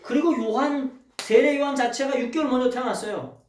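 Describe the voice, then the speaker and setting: Male pastor, high and lively voice, sermon in a roomy church, a bit far from the mic. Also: brisk, slight background noise. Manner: preaching with call-and-response questions to the congregation; swings from loud shouting to quiet low asides. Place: church sanctuary.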